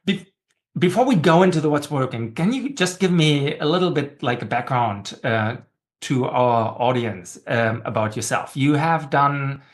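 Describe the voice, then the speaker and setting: A man hosting an interview, a faculty member who introduces his guest in a measured, slightly formal way and asks questions with some fillers. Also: medium pitch, animated.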